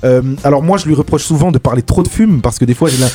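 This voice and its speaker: A young man hosting a radio show, chatting casually about rap in quick, slangy speech with lots of restarts. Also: fairly high pitch, mellow, slightly rough. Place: radio studio.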